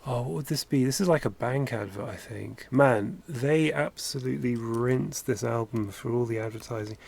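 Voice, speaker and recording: A man's voice: medium pitch, normal speed, creaky, darkish tone. A British man chatting casually while he draws on a live stream, musing aloud with lots of filler words. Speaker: animation streamer.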